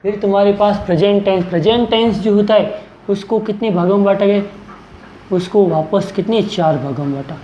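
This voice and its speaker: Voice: mid-range voice, brisk, roomy sound, background noise. A teacher giving a grammar lesson in a coaching classroom, who asks a question, answers it and repeats the key words.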